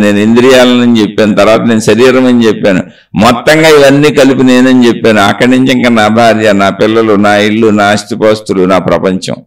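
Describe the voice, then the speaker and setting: A man's voice: medium pitch, rough recording. A man teaching as a spiritual teacher, delivering a spiritual discourse in rhythmic chains of repeated phrases and rhetorical questions to the listener.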